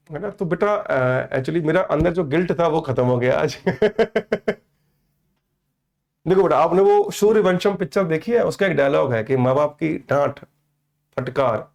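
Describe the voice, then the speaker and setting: A man's voice: on the high side, gravelly, a little mellow. A man in his fifties, a teacher chatting and teasing with students in an online class, often calling them "beta". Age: 50s.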